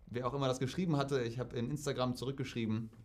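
A young German man answering viewer questions in a casual, lively Q&A vlog, chatting and acting out quoted speech. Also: mid-range voice, fast talker.

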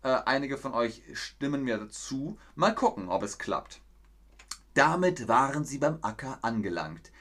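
A man's voice: medium pitch, big pitch swings, measured pace, a bit bright. A man teaching German on a live stream, reading a fairy tale aloud, explaining words and greeting viewers from the chat. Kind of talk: slow storytelling lesson with chat replies.

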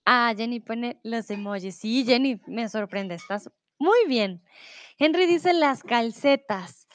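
High-voiced teacher, unhurried. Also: female voice, expressive, dry recording. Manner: patient, switches between Spanish, English and German to explain; reads riddles slowly and deliberately. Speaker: Spanish teacher. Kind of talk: live online class, reading chat answers.

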